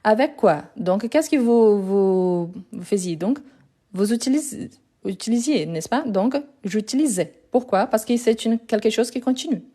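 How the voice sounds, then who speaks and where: A woman's voice: fairly high pitch, animated, unhurried, dark tone. A woman teaching a live grammar lesson over her phone, explaining patiently, repeating words and correcting herself as she goes. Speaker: French teacher.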